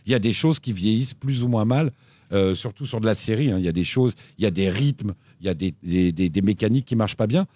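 A man co-hosting a casual chat show about TV and streaming picks, talking in an animated way with lively jumps in pitch. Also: quick pace, no echo. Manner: animated, lively pitch swings, frequent restarts. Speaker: co-host recommending TV shows.

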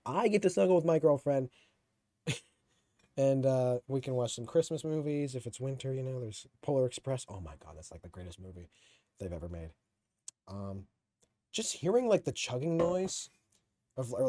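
A man's voice: mid-range voice, mellow, dry recording. A young man hosting a casual podcast, answering listener questions in a rambling, giggly way that keeps cutting himself off. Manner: rambling, giggly, self-interrupting. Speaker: podcast host.

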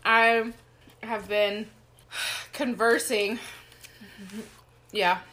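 A woman's voice: fairly high pitch, a little slow, sharp tone. A woman co-hosting a casual chat over a meal, self-deprecating and prone to giggles. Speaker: co-host. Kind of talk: casual chat while eating.

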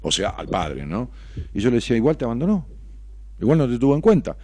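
Argentine male therapist-host, radio monologue, animated pitch, dry close sound, combative rhetorical questions, salty language. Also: fast talker, no echo. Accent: Argentine Spanish. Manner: heated, rhetorical questioning, swears freely.

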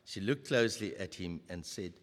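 Animated preacher in a reverberant hall. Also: male voice, low voice, moderate pace. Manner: animated, with many rhetorical questions. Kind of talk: sermon.

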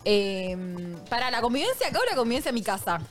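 Higher-voiced Argentine woman co-host. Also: big pitch swings, brisk, music in the background. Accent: Argentine Rioplatense. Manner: chatty, laughing, self-mocking. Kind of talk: casual live-stream chat. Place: streaming studio with live audience.

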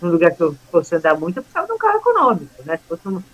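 Animated woman telling stories. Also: lowish voice, rapid-fire, highs cut off. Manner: lively, animated retelling with quoted dialogue. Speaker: guest. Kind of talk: casual storytelling chat.

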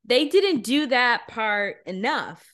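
A woman's voice: a little high, very animated, slow pace, fairly bright tone. Woman co-host reacting in casual chat. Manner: reactive, laughing along. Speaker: podcast co-host.

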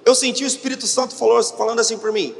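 A man with a Brazilian Portuguese accent preaching a testimony sermon, retelling a story with lively quoted dialogue. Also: extremely high pitch, very fast, vocal fry, slight background noise. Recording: long hall reverb.

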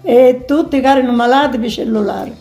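Old sicilian nonna in her 80s talking dialect, highish voice, echoey room w music. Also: normal speed, warm tone. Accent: Sicilian, Trapani dialect. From Sicily, Italy. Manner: brief, plain-spoken answers. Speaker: interviewed grandmother. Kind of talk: casual interview chat in Sicilian dialect.

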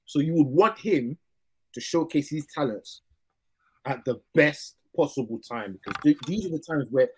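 A man's voice: on the high side, lively intonation, moderate pace, a little mellow, breathy edge, rough recording. A young man with a London accent hosting a casual football discussion, slangy and repeating himself for emphasis. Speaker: podcast host.

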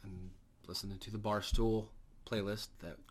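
A young man co-hosts a podcast in a casual, rambling and profane chat, at times bursting into loud laughing voices. His voice is lowish with little pitch movement and a moderate pace, and there is slight background noise.

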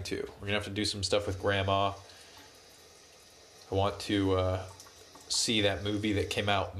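Young male vlogger, lower-pitched voice, congested and worn out, easygoing rambling recap. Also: fairly bright tone. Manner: laid-back, rambling, slangy. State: stuffed up, congested nose; tired. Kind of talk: casual day-recap vlog.

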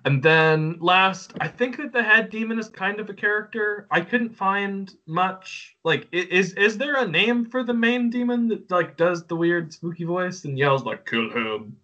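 A man's voice: high-pitched, expressive, measured pace, few pauses, pushed and bright, muffled recording. A man co-hosting a podcast in casual chat, rambling and joking as he talks through a game's characters. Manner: rambling, self-interrupting, joking. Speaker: podcast co-host.

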